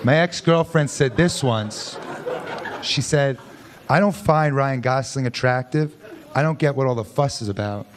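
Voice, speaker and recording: A man in his thirties doing a dry, deadpan stand-up set on a club stage, speaking into a handheld mic. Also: mid-range voice, measured pace. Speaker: stand-up comedian. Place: comedy club stage before a live audience. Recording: loud club crowd and noise. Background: loud audience laughter.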